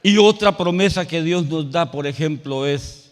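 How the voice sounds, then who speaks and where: A male pastor preaching a sermon. He tells a personal story and rises to loud, emphatic calls. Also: on the high side, normal speed, big-room sound. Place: church sanctuary.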